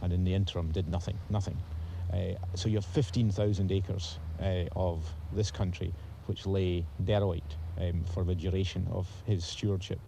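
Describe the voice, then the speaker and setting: Low-voiced, emphatic male interviewee. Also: level tone, normal speed, gravelly, few pauses, warm tone, a little hiss or hum. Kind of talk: opinionated interview commentary.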